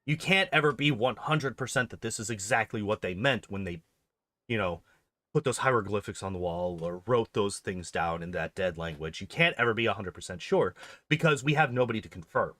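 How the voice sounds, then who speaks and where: On the low side and expressive, this male voice moves briskly with a slightly bright edge and no echo. He's a game streamer and video host rambling casually on a livestream, hammering his points by repeating phrases.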